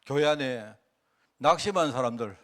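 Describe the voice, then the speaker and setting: A male pastor with a Gyeongsang accent preaching a sermon in a colloquial, animated way, acting out conversations with people he tells about. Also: medium pitch, moderate pace.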